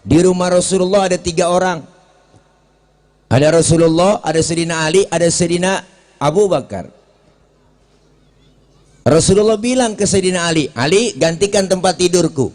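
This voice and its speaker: A man preaching a comic sermon, telling stories with jokes and dropping to a low confiding voice for asides. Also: moderate pace, pauses often, darkish tone. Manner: jokey storytelling, drops to a low confiding voice for asides.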